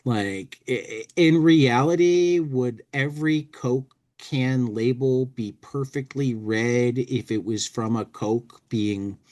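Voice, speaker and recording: A podcast co-host on a casual talk show comments and reads aloud in a mid-range, slightly mellow voice. He speaks haltingly, often repeating words as he works his way through a thought.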